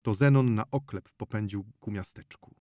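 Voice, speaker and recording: A man reading an audiobook novel in a measured, steady narration close to the mic. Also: fairly low pitch, no room sound.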